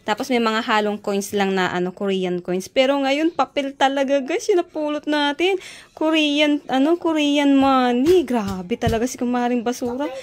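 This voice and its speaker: A young adult woman from the Ilocos region of the Philippines with an Ilocano accent, chatting casually in a vlog and filling pauses with "ayan" and "guys". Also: sits high. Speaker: vlogger. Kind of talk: casual vlog showing found items. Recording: noisy background.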